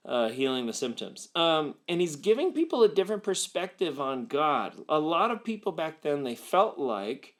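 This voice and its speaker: A man's voice: a little high, sing-song, moderate pace, hardly any pauses. A young man co-hosting a student ministry video in casual chat, reading a story aloud and then teaching. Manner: upbeat, reads a choose-your-path story aloud.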